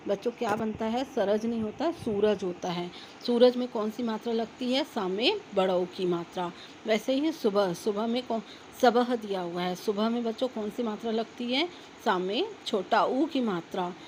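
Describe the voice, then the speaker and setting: A woman teaching a young children's class, slowly spelling out words sound by sound as she reads from a textbook. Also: medium pitch, darkish tone, slight background noise, poor audio. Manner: slow, careful spelling out of sounds for young pupils. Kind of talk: reading a children's textbook lesson aloud.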